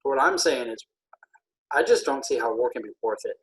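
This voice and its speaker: A man who is feeling ill, a military veteran speaking earnestly and haltingly with many pauses in a casual podcast conversation. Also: medium pitch, animated, poor audio.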